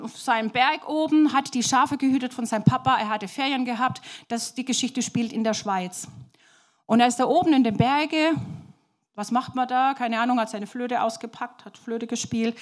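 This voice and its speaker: A woman preacher telling a story to children in a lively way and asking the audience questions. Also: a little high.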